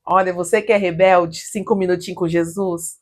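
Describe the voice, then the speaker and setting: A young Brazilian woman, a salon owner, telling animated stories on a casual podcast, laughing often and acting out what people said. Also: lowish voice, normal speed. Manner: animated storytelling, laughs often, acts out quotes.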